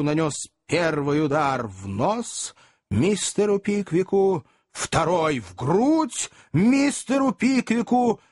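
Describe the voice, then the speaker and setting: Expressive husky male audiobook narrator. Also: a little high, dry recording, clean studio sound. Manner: theatrical, expressive.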